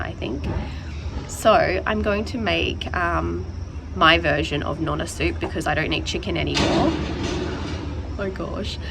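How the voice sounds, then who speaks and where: A woman's voice: lowish voice, vocal fry. A young Australian woman who is sick and losing her voice, chatting casually with lots of fillers as she vlogs from her home kitchen on a clip-on mic. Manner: rambling, with many fillers. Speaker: vlogger. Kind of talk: casual chat. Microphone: wireless clip-on mic. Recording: noisy home recording.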